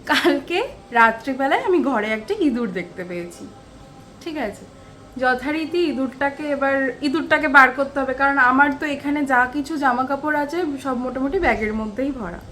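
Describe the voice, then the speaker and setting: A brisk, fairly bright, high-pitched woman with a West Bengali accent casually tells everyday stories to viewers in a chatty home vlog. She's from West Bengal, India, filming in a small one-room home on a handheld camera at arm's length, with faint background noise.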